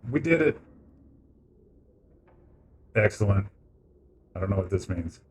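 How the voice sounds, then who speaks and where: A man's voice: low-pitched, animated, slow pace, slight background noise. A man streaming a video game live as a VTuber, reacting playfully with laughter and swearing. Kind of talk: live gameplay commentary.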